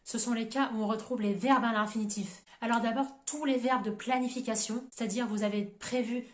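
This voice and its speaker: A woman giving a methodical grammar lesson on her own channel, spelling out letters and reading example sentences slowly. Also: fairly high pitch, steady tone, reverberant.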